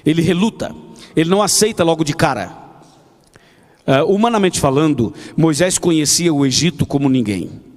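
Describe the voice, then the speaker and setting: Brief: pastor, chatty storytelling sermon full of rhetorical questions, slightly high voice, long hall reverb. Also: male voice, animated, moderate pace. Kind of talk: evening prayer sermon.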